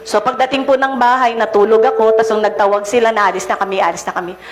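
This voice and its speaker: A woman's voice: a little high, steady tone, quick pace, soft background music. A Filipino woman preaching with a cold, chatting and laughing through a casual story before her sermon. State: congested with a cold. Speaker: lay preacher.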